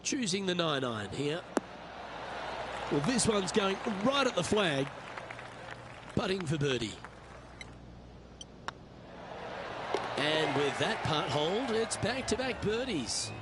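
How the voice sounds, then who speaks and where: A man voicing a measured, appreciative golf commentator in a video game, calling play as the lead announcer. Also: high-pitched, big pitch swings, heavy background noise. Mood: impressed. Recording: game music and crowd behind the voice.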